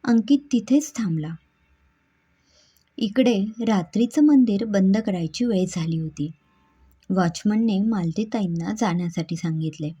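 A woman host reading a scripted story aloud in a calm, measured way. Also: mid-range voice, slightly rough. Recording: dull lo-fi home recording.

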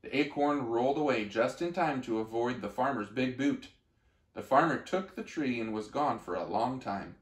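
A man reading a children's storybook aloud in a gentle, expressive way. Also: mid-range voice, moderate pace, echoey room. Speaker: story reader.

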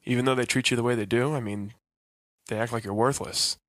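A man playing a private investigator, narrating in a hard-boiled comic style and reacting with deadpan exasperation. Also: medium pitch, fairly quick, no echo, close to an everyday voice.

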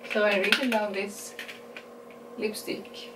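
In a small indoor room, a camera mic set at a distance captures a medium-pitched woman's voice, roomy and backed by a steady hiss. She's a Norwegian beauty vlogger in her forties, chatting in accented English through a makeup haul, correcting herself unhurriedly and laughing at her English.

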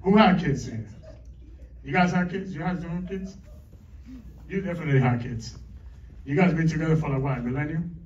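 Middle-aged guy doing crude standup, teasing the crowd, kinda high voice, muffled far-off club recording. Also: moderate pace, long pauses, slight background noise. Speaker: stand-up comedian. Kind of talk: stand-up comedy set. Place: comedy club stage. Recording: echoey club, distant mic, dull lo-fi.

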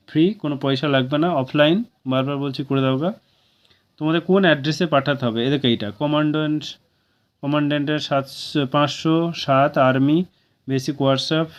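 Fairly high-pitched with a clear, resonant tone, the Bengali-accented presenter chats his way through a job vacancy notice. He often pauses to ask viewers "okay?" to make sure they're following along, in a dull, lo-fi recording.

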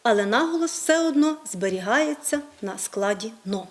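A woman presenting a scripted language lesson on a regional TV program, clearly setting out example words one by one. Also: on the high side, lively intonation, normal speed. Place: studio.

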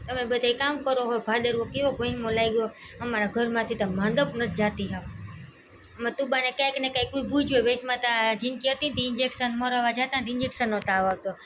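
High-voiced young mother, doting and chatty, home vlog, dull noisy audio. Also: fairly quick. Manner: chatty, doting, talks to her small daughter. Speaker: family vlogger, mother. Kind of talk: casual home vlog chat. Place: home, indoors. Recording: dull muffled home audio with loud background noise.

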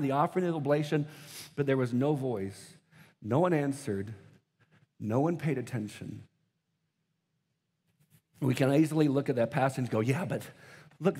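High-voiced preacher in a reverberant hall. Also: male voice. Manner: swings from hushed and slow to loud and fast, mock voices for scripture scenes. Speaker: pastor. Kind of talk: sermon. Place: church auditorium.

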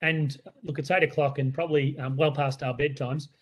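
A man's voice: a little high, little pitch movement, fairly quick, husky. An Australian man who leads a school, presenting to parents in an earnest, conversational way with many fillers and restarts. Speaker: school leader.

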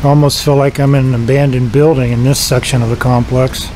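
A man's voice: mid-range voice, little pitch movement, brisk, noisy background. A man casually narrating as he films his walk through an indoor flea market, making wry remarks. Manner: chatty, wry remarks while filming. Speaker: vlogger touring a flea market.

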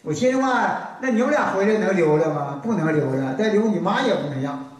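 A man's voice: high voice, expressive, fairly quick. An older man from Northeast China with a Northeastern Mandarin accent, telling stories in an earthy, colloquial way during a lecture. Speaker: folk lecturer. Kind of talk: storytelling lecture. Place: lecture hall. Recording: very echoey hall from far off.

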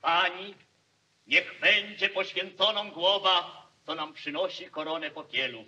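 A solemn nobleman in a puppet staging, speaking slowly in a high, bright voice. His half-chanted toast sounds from somewhat away from the mic. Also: highs cut off, exaggerated voice. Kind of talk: stage verse acting. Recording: voice heard from a distance.

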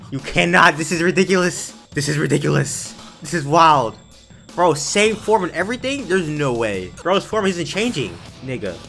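A man reacting to an anime episode in casual slangy commentary, swinging from low mutters to shouts of disbelief. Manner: excitable, bursts into shouts of disbelief; slangy, says "bro" constantly.

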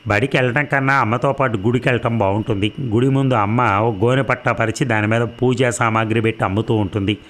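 A man reading a novel aloud as an audiobook narrator, in a steady storytelling manner. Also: mid-range voice, fast, few pauses.

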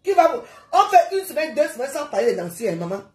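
A woman, hosting a heated live stream and scolding her viewers with rapid rhetorical questions. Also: sits high, big pitch swings, a little mellow, reverberant.

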